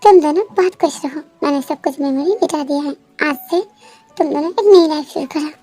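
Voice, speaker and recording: A woman voicing a fatherly male death god who speaks gently and reassuringly in a fan story. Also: sits high, brisk, soft background music, lightly acted.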